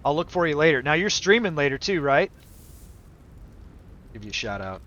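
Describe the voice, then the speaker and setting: A man's voice: fairly high pitch, big pitch swings, normal speed, fairly bright tone, highs cut off. A middle-aged man chatting casually to viewers as he hosts a game livestream. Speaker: livestream host. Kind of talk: casual game stream chat. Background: game music.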